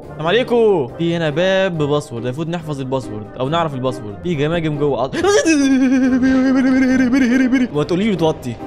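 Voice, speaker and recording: A man's voice: on the high side, lively intonation, very fast, music in the background. A young man with an Egyptian accent commenting on a horror mobile game as a YouTuber, joking, swearing often and startling easily. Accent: Egyptian Arabic. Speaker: gaming YouTuber.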